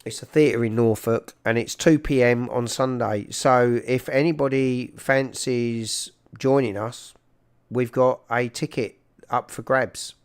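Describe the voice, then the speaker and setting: A man with a South London accent hosts a casual livestream. His voice sits at an average pitch, and he talks informally and matily to his viewers, close up on a big microphone. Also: fairly even intonation, a little slow, smooth. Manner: informal and matey, calling people "mate". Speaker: livestream host. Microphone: large microphone up close.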